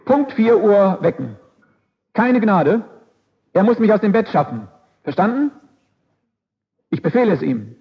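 A man voicing an imperious old king who barks orders in a raised, sharp voice, on a dull lo-fi recording. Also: a little high, a little slow, pauses often. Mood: commanding. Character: imperious old male king, gruff and commanding.

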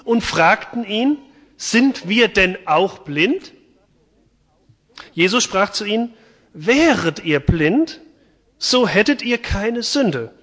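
A man giving a sermon, retelling and reading a Bible passage in a chatty, lively way. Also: high-pitched, slow, pauses often, long reverb tail. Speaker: preacher. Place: church.

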